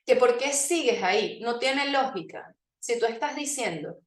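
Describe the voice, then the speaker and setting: A high-pitched woman leads a live motivational workshop. She talks straight to the audience and keeps them engaged with exercises and frequent check-ins. The recording is roomy and echoey, and her voice comes from a distance. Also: expressive, a little slow. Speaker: workshop presenter.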